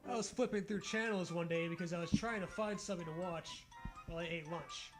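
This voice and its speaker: Co-hosting a comic read-aloud of fan fiction, a man with a high-sitting, brisk voice keeps breaking into sarcastic, sweary banter and profane riffing. Music plays in the background.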